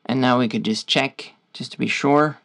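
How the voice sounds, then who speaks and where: A man with a Norwegian accent, casually walking viewers through a software tutorial in a loose, stop-start way. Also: medium pitch, steady tone, normal speed. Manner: loose, stop-start explaining while clicking through screens. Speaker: tutorial host.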